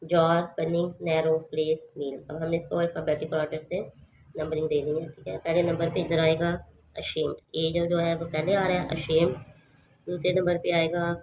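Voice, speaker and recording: A woman teacher with a Pakistani accent who works through textbook exercises, reading each English line slowly, explaining it in Urdu and spelling words letter by letter. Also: deep voice, flat delivery, a little mellow, slight background noise, low-quality recording.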